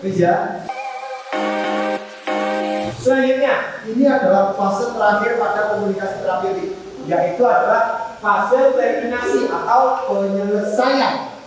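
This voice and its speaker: An animated man gives a classroom lesson, breaking into small acted exchanges between nurse and patient. His voice reaches the camera from across the room, and a long reverb hangs on every phrase. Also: high-pitched, unhurried, long pauses, soft background music. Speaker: student teacher. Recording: echoey classroom from far off.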